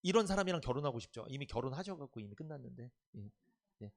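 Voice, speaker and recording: A man's voice: mid-range voice, expressive, quick pace, vocal fry. A male pastor giving an emphatic sermon, often putting questions to the congregation and having them repeat phrases. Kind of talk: Sunday afternoon sermon.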